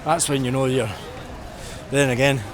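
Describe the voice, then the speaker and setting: A middle-aged man from Scotland strolls a busy seafront, vlogging in a casual, reflective manner as a crowd murmurs nearby. He keeps a steady tone and moderate pace in a mid-range voice. Traffic and street sounds are present in the recording.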